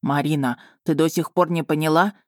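A woman voicing an overjoyed, overwrought male dragon in an audiobook, speaking a little lower and with earnest warmth. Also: steady tone, normal speed, dry recording, clean studio sound, lightly acted. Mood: ecstatic.

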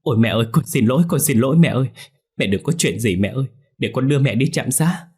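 A man's voice: medium pitch, animated, fast talker, a little mellow, slightly rough, voice pushed up. A man voicing a middle-aged son who wails and blames himself. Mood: anguished. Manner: wailing, self-blaming. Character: remorseful middle-aged son, self-reproaching.

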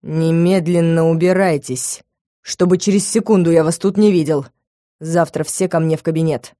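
A woman voicing a stern, commanding male magister in an audiobook, speaking low and measured. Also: dark tone, breathy edge, no echo, clean studio sound. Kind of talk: audiobook character reading.

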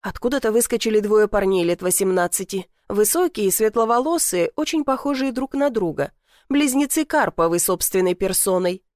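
A woman narrating a first-person audiobook in an expressive, wry way. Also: medium pitch, normal speed, no room sound, clean studio sound. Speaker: audiobook reader.

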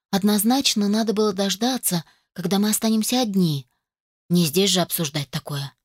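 A woman's voice: on the low side, no room sound, studio quality. A woman reading an audiobook in first person with a wry manner. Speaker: narrator. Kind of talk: audiobook narration.

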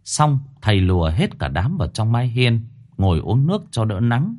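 A man narrating a ghost story in a lively, dramatic way. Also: medium pitch, moderate pace.

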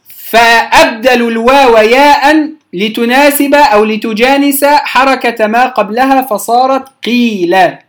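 Teacher going thru word forms, keeps checking the class gets it, drags out words slowly to spell them, mid pitch. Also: a bit bright. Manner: checks in often, slows down to spell out words sound by sound. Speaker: teacher of Quranic readings. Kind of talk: recorded lesson explaining word forms.

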